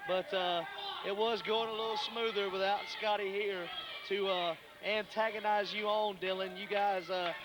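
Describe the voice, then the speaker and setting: High-voiced male play-by-play man. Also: steady tone, moderate pace. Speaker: play-by-play commentator. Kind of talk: live wrestling play-by-play. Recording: clearly noisy live event background.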